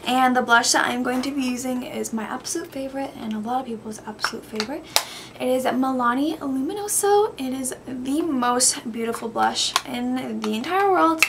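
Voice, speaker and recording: A woman's voice: high-pitched, moderate pace, gravelly, noisy background. A young woman doing a chatty, gushing makeup tutorial vlog, sounding a little tired. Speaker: beauty vlogger.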